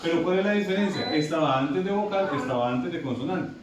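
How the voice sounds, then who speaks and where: With lively intonation and a fairly quick pace, a man whose voice leans high runs a classroom lecture on English pronunciation. He repeats points often and quizzes students to confirm they understand, while a distant mic captures the room's strong echo and noise.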